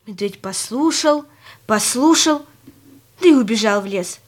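A woman narrating a children's fairy tale in a gentle, expressive storytelling manner. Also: on the high side, measured pace.

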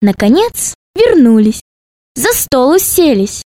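A woman reads a children's story aloud in an expressive, playful way. Her voice sits high and swings widely in pitch. The recording is dry and close. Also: slow, no room sound. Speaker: narrator.

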